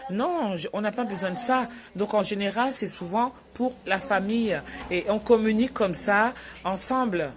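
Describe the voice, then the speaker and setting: A middle-aged woman from Cameroon hosting a casual live stream, chatting warmly with viewers and greeting them by name. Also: medium pitch, moderate pace, hardly any pauses, music in the background. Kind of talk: casual live chat reading viewer comments.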